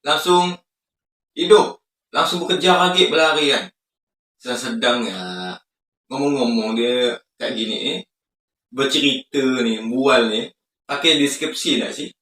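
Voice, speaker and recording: A man's voice: medium pitch, unhurried, long pauses, pushed and bright, echoey room, far from the mic. A man giving casual reaction commentary on a clip, skeptical and mocking, asking pointed questions.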